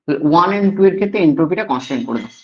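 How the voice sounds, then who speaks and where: A man's voice: a little high, expressive, racing. A male teacher with a Bengali accent giving a classroom lecture, repeating key points and often checking that students follow. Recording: dull lo-fi sound.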